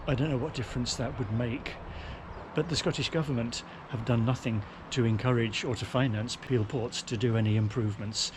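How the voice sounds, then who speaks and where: A man's voice: medium pitch, background noise. A man giving casual, opinionated vlog commentary in a wry, understated way. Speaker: vlogger presenting a travel film.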